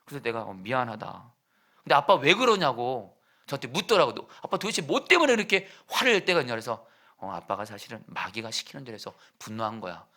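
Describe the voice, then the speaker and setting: A middle-aged man preaching a sermon as a pastor, swinging from loud exhortation to hushed whispers and putting questions to the congregation. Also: medium pitch, sing-song, quick pace.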